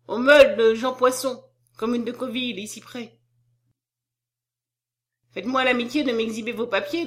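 A woman's voice: a little high, close to an everyday voice. A woman voicing a pompous, wordy rural gendarme. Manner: formal, wordy and officious. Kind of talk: audiobook character reading.

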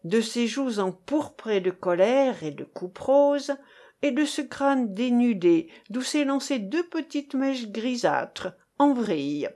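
A woman giving a theatrical, expressive reading of a literary story. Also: on the high side, takes it slowly. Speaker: audiobook reader. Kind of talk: scripted literary narration.

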